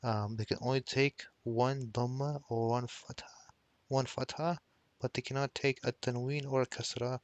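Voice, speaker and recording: Here a man's medium-pitched voice stays steady at a normal speed, with no echo. He's teaching a textbook Arabic lesson, reading each line, translating it and patiently unpacking the grammar, with frequent restarts.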